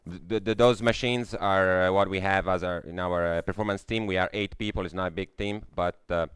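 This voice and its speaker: This conference speaker, a young man from Italy, delivers a technical talk in a lecture room, his speech broken by frequent "uh"s, fillers and restarted sentences. His low, deep voice is smooth, clear and fairly bright, with fairly even intonation. The sound is close and dry, with little room in it.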